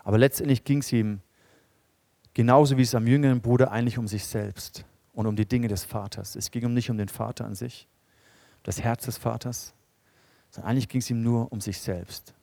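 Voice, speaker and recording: A man preaching a sermon in a lively storytelling way, acting out the characters he quotes. Now and then he drops to a quiet, low voice to stress a point. The sound is dry and close, with no room echo. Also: normal speed, gravelly. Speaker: pastor.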